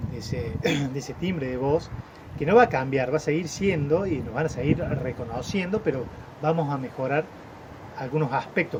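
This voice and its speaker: A man teaches a casual lesson on voice and speech, pausing often on fillers and restarting his phrases. His voice sits at a middle pitch. The recording sounds dull and lo-fi, with steady noise behind him. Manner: hesitant, many fillers and restarts.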